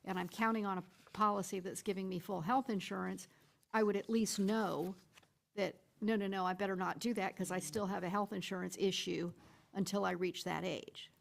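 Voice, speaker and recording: A woman speaking as a school board member in a meeting room. Her pitch sits in the middle and her delivery is deliberate. She walks through her reasoning with one hypothetical example after another and often restarts her sentences. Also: fairly even intonation, vocal fry. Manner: explains with step-by-step hypotheticals, frequent restarts. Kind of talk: deliberating at a public board workshop.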